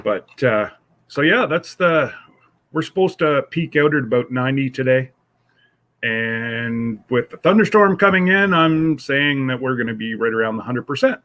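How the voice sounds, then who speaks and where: A congested middle-aged man hosting a livestream from home, chatting casually in a slow, rambling way with many fillers. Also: mid-range voice, animated, a bit bright. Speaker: livestream host.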